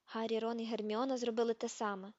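A woman narrating an amateur audiobook, steady reading that even includes page numbers. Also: a little high, quick pace, no echo, muffled recording. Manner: reads page numbers aloud. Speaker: audiobook reader.

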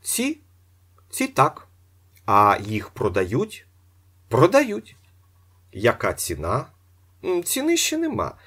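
A curt, indifferent auction clerk, put on by a man reading an audiobook. He speaks in a very high, clipped and dismissive voice with a husky edge. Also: huge pitch swings, slow, pauses often, bright, forceful tone, exaggerated voice. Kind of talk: audiobook character voice.

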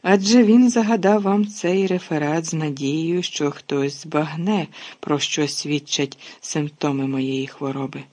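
A narrator reading an audiobook, voicing a calm, weary adult male teacher who speaks in measured tones. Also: medium pitch, natural voice. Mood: cold.

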